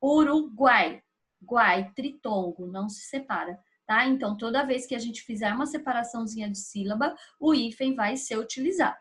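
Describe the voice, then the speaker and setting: A woman teacher with a Brazilian Portuguese accent patiently explains a grammar lesson step by step, checking in with her students through frequent tag questions. Her voice is on the high side and fairly bright, and she speaks fairly quickly with few pauses.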